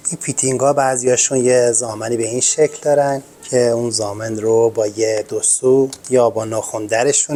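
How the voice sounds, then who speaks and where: A man walks through a repair one step at a time, calm and polite in his explaining, his voice in the middle of the usual range for a man. Faint music plays behind him. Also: mid-range voice. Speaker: host of a home repair channel.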